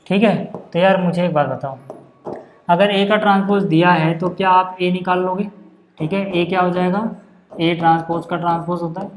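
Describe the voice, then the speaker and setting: Male maths teacher, high voice, roomy echo, casual chatty explaining. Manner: chatty, keeps checking in with the class. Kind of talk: casual classroom lesson.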